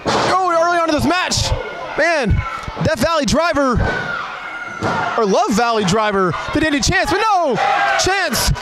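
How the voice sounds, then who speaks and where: A male wrestling commentator calls the match live in a very high, excited voice. He repeats his calls in urgent exclamations. A loud crowd surrounds his voice. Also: a little slow, pauses often. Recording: loud crowd noise in event hall. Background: loud crowd, slams from the ring.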